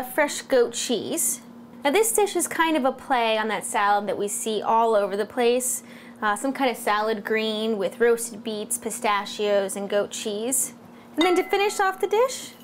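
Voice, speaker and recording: Cooking in her home kitchen, an American-accented food blogger in her thirties walks the camera through a recipe step by step with clear explanations. Her voice sits fairly high, and there is slight background noise.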